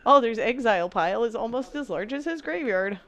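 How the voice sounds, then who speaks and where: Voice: mid-range voice, lively intonation, fairly quick, a bit bright. A commentator calling a card game match in a playful, teasing and theatrical way.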